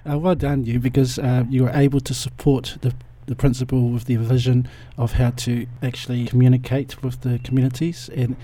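Mellow-voiced man interviewing on a podcast. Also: mid-range voice, flat delivery, brisk, few pauses.

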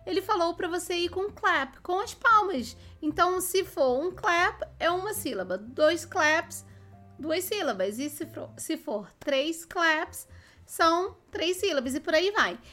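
A woman with a high voice hosts an educational podcast for children. She explains the lesson points to listeners in a friendly, clear way. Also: animated, unhurried, sharp tone, soft background music. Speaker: podcast host. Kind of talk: explaining to parents.

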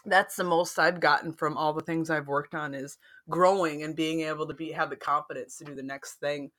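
A woman co-hosting a podcast, telling stories in a rambling, animated casual chat. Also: low voice, a little fast. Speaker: podcast co-host.

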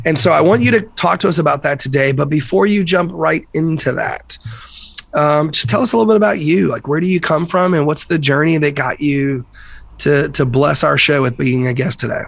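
Gravelly, enthusiastic podcast host man. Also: a little high, brisk, no room sound. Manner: enthusiastic, stumbling repetitions. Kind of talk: casual interview chat.

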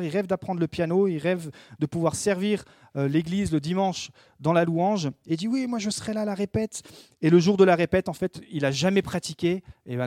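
Male pastor, sermon, earnest exhorting delivery, repeats key phrases, somewhat high voice, dry close sound. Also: a little mellow, no room sound.

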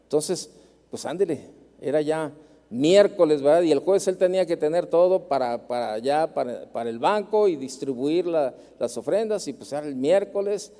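A Mexican man preaching from the pulpit with a very warm, mellow tone pitched a little high. He tells stories and repeats key phrases for emphasis, and a long hall reverb trails behind every line. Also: expressive, moderate pace. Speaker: pastor. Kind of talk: sermon.

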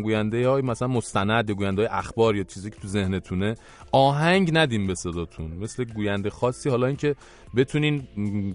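A man hosting a radio show, casually giving advice to listeners with frequent filler sounds. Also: mid-range voice. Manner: relaxed, advisory, with frequent fillers. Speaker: radio host.

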